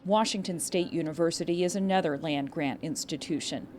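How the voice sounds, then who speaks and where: A woman's voice: low-pitched, a little fast, a little mellow, a little hiss or hum. A woman reporter reading scripted narration for an investigative news exposé.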